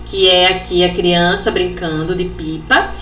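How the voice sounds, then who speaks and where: A woman from Brazil, an educational psychologist giving a workshop, sounding out letters and syllables slowly and ending phrases with tag questions. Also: on the low side, little pitch movement, sharp tone, faint music behind. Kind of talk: instructional workshop talk. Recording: echoey room with faint background noise.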